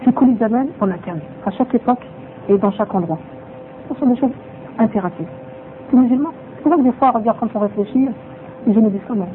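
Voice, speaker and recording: A religious teacher delivers a lesson, sprinkling in Arabic phrases and repeating points for emphasis. His voice is very high and he talks fast, with long pauses. The recording sounds tinny and phone-like, with faint noise.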